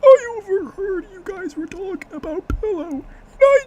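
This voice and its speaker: A woman voicing a high-pitched, excitable female cartoon object, squeaky and breathless. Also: moderate pace, dull audio. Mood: excited.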